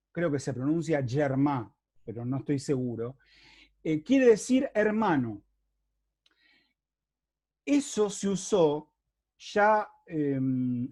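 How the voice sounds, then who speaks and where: A man's voice: fairly high pitch, a little mellow. A man with a Rioplatense Spanish accent giving a university lecture, explaining patiently and checking often that his listeners follow. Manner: explanatory, checks understanding with frequent rhetorical tags; unhurried, with hesitant fillers and restarts.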